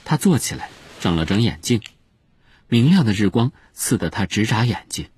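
A man narrating a storybook in a lively, expressive way. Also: on the low side, moderate pace, slightly rough. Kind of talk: storybook reading.

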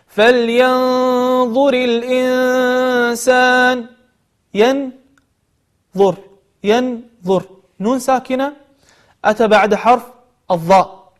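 A man with a fairly high voice teaches recitation in a gentle, patient way. He explains each rule step by step and circles back to repeat the examples. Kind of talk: online recitation lesson.

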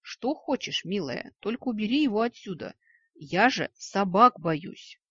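A woman's voice: medium pitch, expressive, unhurried, husky, no echo, muffled recording, pitched above the performer's own voice. A woman doing a panicky pleading young man. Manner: pleading, whiny.

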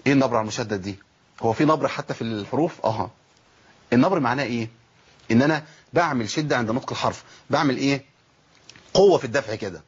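A man's voice: medium pitch, husky, lo-fi sound. A man with an Egyptian accent teaching tajweed, asking himself questions and demonstrating letter sounds. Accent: Egyptian Arabic. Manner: fast, animated teaching with self-asked questions and demonstrations. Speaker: Quran recitation teacher. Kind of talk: tajweed lesson.

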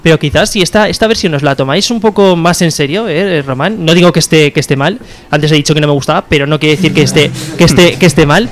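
A man hosts a loose, casual radio interview. His voice sits a little high and he restarts his sentences a lot. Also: quick pace, few pauses. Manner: chatty, many fillers and restarts. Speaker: radio host.

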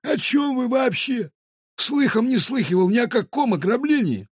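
This is a scruffy male street cat in a storybook, a petty thief full of whiny protests. The voice is very high and bouncy, with a husky edge. It is recorded dry and close. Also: sing-song, dry recording, full character voice. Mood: indignant. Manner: squealing, indignant, fast protests. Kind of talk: audiobook character voice.

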